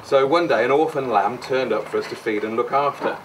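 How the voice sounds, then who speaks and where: In a wedding reception room, a man who is the bride's brother gives a best-man-style speech that wanders, full of jokes, mock sincerity and frequent digressions. He speaks a little fast in a mid-range voice, and the recording is noisy, distant and live.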